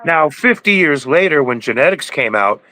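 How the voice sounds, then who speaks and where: He's a man in his sixties, a cannabis breeder guesting on a podcast, whose voice sits on the high side, bright and forceful, expressive at a moderate pace. His casual interview talk is rambling and preachy, full of restarts.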